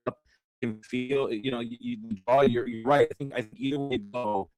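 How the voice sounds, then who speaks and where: A man doing lively live commentary on a card game match, chatty and quick to laugh. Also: mid-range voice, dry recording. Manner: excitable, chatty, laughs often. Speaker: caster.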